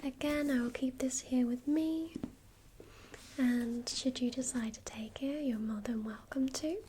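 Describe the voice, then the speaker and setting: A helpful female librarian, acted by a woman speaks in whispered role-play, a gentle and breathy library whisper. Her delivery is very unhurried and mellow, with faint noise behind it. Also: high voice, steady tone. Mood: gentle, hushed. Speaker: ASMR performer.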